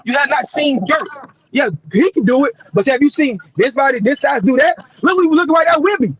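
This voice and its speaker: A man's voice: very high voice, animated, a little fast, fairly bright tone, a little hiss or hum, low-quality recording. A man co-hosting a podcast, arguing basketball in a heated, slangy way and cutting in often. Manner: emphatic, interrupts, slangy. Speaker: podcast co-host. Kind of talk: heated casual sports debate.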